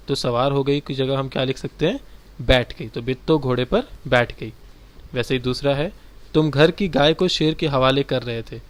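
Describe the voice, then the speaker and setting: A man teaching a primary-school lesson, walking children through textbook exercises and explaining each one slowly and directly. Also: medium pitch.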